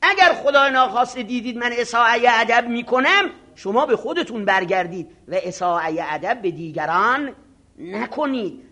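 Male cleric, moral sermon; high and bright, lively, dramatizes quotes, slow chanted scripture. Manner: animated, acts out arrogant voices, self-mocking; chants Arabic scripture slowly. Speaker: cleric teaching ethics. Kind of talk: moral sermon to seminary students.

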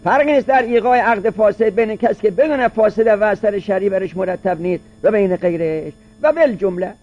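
A man's voice: high-pitched, dull audio. A man teaching a seminary class, reading phrases from a classical Arabic legal text and then explaining each one in plain everyday speech.

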